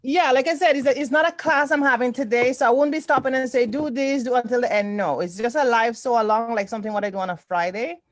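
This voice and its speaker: This Toronto woman's voice is on the high side and quick, with hardly any pauses, and the recording is dry with clean studio sound. She's the host of an online sewing group, chatting casually on a livestream and often repeating short affirmations while indoors on a group video call.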